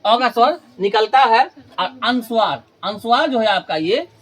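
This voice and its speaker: A man teaches a grammar lesson to a room of students. He works in call-and-response, asking each question and answering it himself more than once. He slows down and stretches the important terms so they stand out. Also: extremely high pitch, lively intonation, fairly bright tone, slightly rough. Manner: stretches key terms slowly for emphasis. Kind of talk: classroom lesson.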